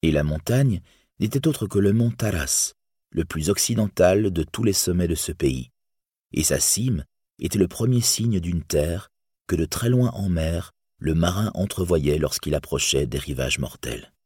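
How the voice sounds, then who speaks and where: A man reading a fantasy tale aloud in a measured, solemn storytelling voice. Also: low voice, animated, mellow, breathy edge, dry recording, clean studio sound. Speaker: narrator.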